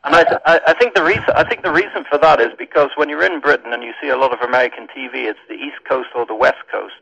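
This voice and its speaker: A middle-aged man with a Welsh accent speaks in a gravelly, creaky voice, pausing often with ums as he answers. The sound is dry, close and dull, like a lo-fi radio line. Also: medium pitch, pushed and bright, dry recording. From Wales. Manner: thoughtful, pauses with many ums. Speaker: minister and radio guest.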